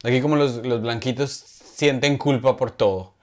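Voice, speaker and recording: A man's voice: mid-range voice, fairly even intonation, moderate pace, a little mellow. Rambling chatty man. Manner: rambling, self-correcting, chatty. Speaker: podcast co-host. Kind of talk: casual comedy chat. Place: podcast studio.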